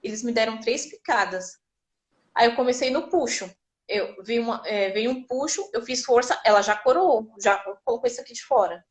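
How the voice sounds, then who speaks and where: A woman's voice: fairly high pitch, moderate pace. A Brazilian woman telling her birth story casually and vividly, acting out the people she quotes. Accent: Brazilian Portuguese.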